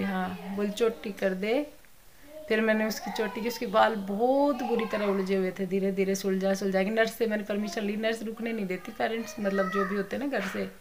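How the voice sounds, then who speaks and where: A woman giving a soft-spoken, worried family update in a casual vlog, rambling on in long runs. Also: mid-range voice. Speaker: vlogger.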